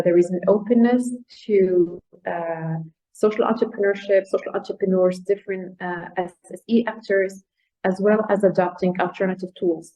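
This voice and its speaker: A woman with a medium-pitched, dark voice gives an informal webinar presentation about a project, hesitating and often searching for words. The audio is dull and lo-fi.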